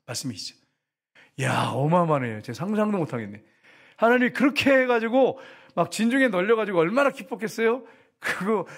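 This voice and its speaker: A man preaching a sermon as pastor, lively and chatty, teasing the congregation with questions. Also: on the high side.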